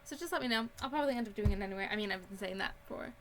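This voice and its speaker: Chatty young woman with a bright voice. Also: medium pitch, rapid-fire, slight background noise. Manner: chatty, rambling with many ums. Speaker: Sims gaming YouTuber. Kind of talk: casual game build tour.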